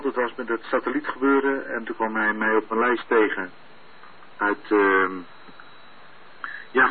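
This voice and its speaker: Man heard over a two-way radio. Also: medium pitch. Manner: hesitant, many filler sounds. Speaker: radio amateur calling in. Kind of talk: casual on-air greeting. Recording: tinny radio channel with faint hiss.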